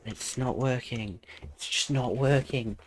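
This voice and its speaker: A man's voice: mid-range voice, slow pace, slight background noise. A man streaming a game, muttering to himself in frustration as he plays. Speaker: gaming streamer. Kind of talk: casual live-stream commentary while playing.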